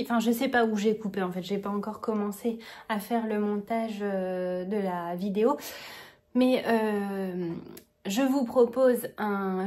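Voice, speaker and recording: A woman's voice: fairly high pitch, darkish tone. A woman vlogging casually to camera, gushing and hesitant, restarting her sentences with many fillers. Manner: enthusiastic, gushing.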